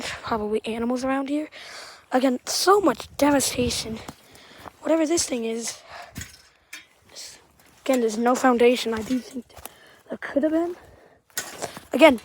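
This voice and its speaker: A woman with a slightly high voice and a Southern-sounding lilt narrates as she walks outdoors through wreckage. Her remarks come in halting bits that ramble and often fade to a murmur, with faint noise behind her. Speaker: storm damage surveyor. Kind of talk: walking tour commentary. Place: outdoors at a damaged site.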